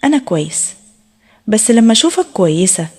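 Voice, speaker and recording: A woman's voice: mid-range voice, big pitch swings, a little fast, breathy edge. Woman voicing a shy, earnest young Egyptian man. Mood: worried. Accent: Egyptian Arabic. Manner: soft, earnest and pleading.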